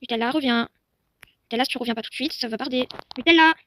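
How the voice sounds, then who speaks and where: High-voiced young woman soothing a horse. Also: rapid-fire, no echo. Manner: soothing horse-talk, swinging to panicked shouting. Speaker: Roblox horse-riding roleplay streamer. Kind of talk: casual gameplay commentary talking to her virtual horse.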